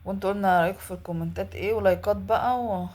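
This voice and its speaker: A woman with an Egyptian Arabic accent talks quickly in a husky voice. She retells a viewer's story and then lectures the viewer bluntly, like a casual advice vlog. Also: medium pitch, steady tone, darkish tone.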